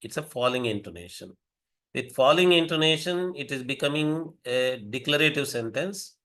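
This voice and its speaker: An older man with an Indian English accent, giving an explanatory lecture in a measured way, often rephrasing himself. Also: medium pitch, animated, fairly bright tone.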